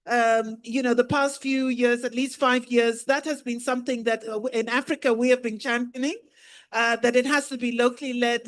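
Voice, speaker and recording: A woman from Nigeria moderating a panel discussion and putting questions to the speakers. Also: a little high.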